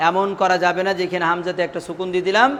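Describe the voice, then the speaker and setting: A man's voice: sits high, little pitch movement, rapid-fire, a bit bright, long reverb tail. A man teaching Quran recitation rules in a classroom, asking his students questions, repeating the answers and drawing out syllables as a drill. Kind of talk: classroom lesson.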